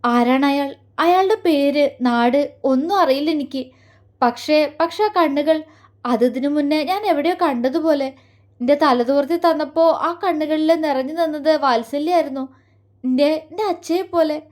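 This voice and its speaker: A woman voicing a soft, tearful young heroine. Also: sits high. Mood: wistful. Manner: soft, hesitant, halting. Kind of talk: audio story acting.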